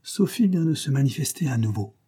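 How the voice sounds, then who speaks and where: A man voicing a gruff, boastful aging police commissioner in an audiobook, speaking raised and emphatic with a sardonic edge. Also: medium pitch, animated, fairly quick, dark tone, pitched above the performer's own voice.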